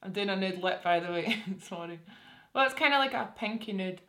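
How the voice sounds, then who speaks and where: A woman's voice: mid-range voice, brisk, sharp tone. A young woman with a broad Scottish accent, chatting candidly and informally in a casual makeup vlog. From Scotland. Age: young adult. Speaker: beauty YouTuber. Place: indoors, small room with curtain backdrop.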